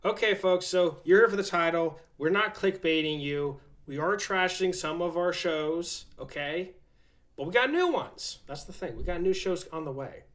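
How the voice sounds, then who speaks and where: A man's voice: on the high side, moderate pace, a bit bright. A man co-hosting a podcast in casual, jokey chat, often breaking into giggles. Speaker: podcast co-host.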